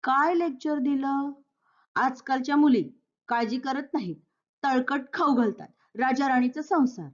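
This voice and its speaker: A woman's voice: high voice, measured pace, muffled recording, voice pushed up. A woman voicing a fussy, self-righteous older mother-in-law who scolds and preaches, in a Marathi play reading. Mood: defensive.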